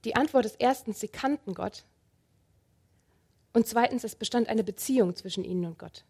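A woman preaching a sermon, speaking calmly and earnestly and addressing the listener directly. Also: a little high, normal speed, slightly rough. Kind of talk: sermon with Bible reading.

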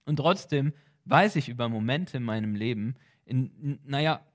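A man giving a reflective devotional talk, earnest and thoughtful, with small hesitations, slipping into quiet prayer. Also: mid-range voice, lively intonation, moderate pace. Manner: drops into quiet, soft prayer. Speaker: devotional speaker.

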